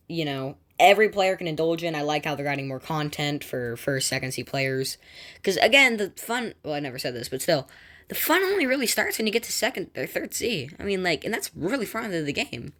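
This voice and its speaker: A woman with a notably deep voice hosts a gaming channel in a loose, casual way. She reads news aloud, then drifts into excitable tangents, restarting sentences and padding them with filler words. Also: fairly quick. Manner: excitable, jumps between reading and personal asides. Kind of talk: casual commentary while reading game news aloud.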